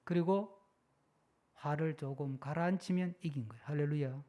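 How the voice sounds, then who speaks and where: A middle-aged male pastor preaching a sermon in an animated way, often checking with the congregation. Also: on the high side, normal speed, lo-fi sound. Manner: animated, keeps asking the congregation "yes?".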